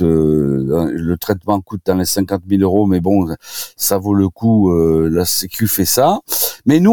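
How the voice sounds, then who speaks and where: A man speaking as a doctor on a radio show, giving informal health advice in a halting way, often repeating and restarting words. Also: mid-range voice, mellow, no echo, studio quality.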